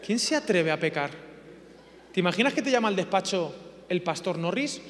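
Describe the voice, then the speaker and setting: A man preaches with humor, firing off rhetorical questions. His voice sits high for a man. A long reverb of a church hall trails behind him. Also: lively intonation, moderate pace, crowd noise. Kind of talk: sermon.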